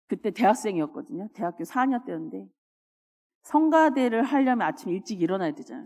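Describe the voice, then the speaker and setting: A woman pastor preaching a sermon, telling personal stories with animated delivery and acting out scenes. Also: mid-range voice. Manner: animated storytelling, acts out scenes. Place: church sanctuary. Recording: long church reverb.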